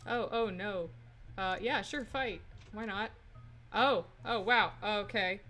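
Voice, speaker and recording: A woman with an average-pitched voice chats casually through a video game. She reads character lines in a playful, acted way, then drops back into loose commentary with some swearing. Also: slow pace, a bit bright, faint music behind. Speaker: gamer and co-host. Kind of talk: casual let's play, reading dialogue and commenting.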